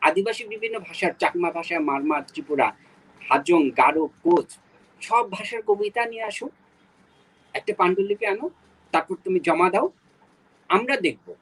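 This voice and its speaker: Brief: Garo-native man from Bangladesh, webinar panelist, raised pitch, husky, urging, filler-heavy. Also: lively intonation, normal speed, pauses often, low-quality recording. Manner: urging, with frequent hesitant fillers. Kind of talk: earnest webinar talk. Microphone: video call.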